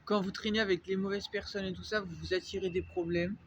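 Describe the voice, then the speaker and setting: A man's voice: high-pitched, level tone, quick pace, slight background noise. A young man from France with a French accent, chatting loosely in a casual vlog, rambling with lots of fillers and restarts. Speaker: vlogger. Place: dark unlit spot, vehicle noise around.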